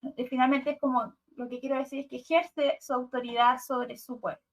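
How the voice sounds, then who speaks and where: A woman's voice: high-pitched, little pitch movement, moderate pace, distant mic, poor audio. A woman in a casual Bible study discussion, speaking tentatively and partly reading aloud. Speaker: study group participant.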